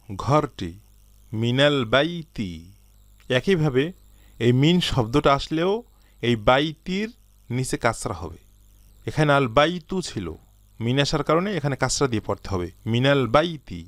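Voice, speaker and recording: A man teaching an Arabic lesson, slowly reading out word lists and asking learners to answer. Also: medium pitch, no echo. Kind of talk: recorded language lesson.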